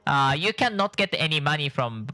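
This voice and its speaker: A man's voice: on the high side, lively intonation, moderate pace, pushed and bright, faint music behind. Tired man rambling over gameplay. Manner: rambling, thinking aloud with self-corrections. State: tired from lack of sleep. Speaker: gameplay streamer. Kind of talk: casual gameplay commentary.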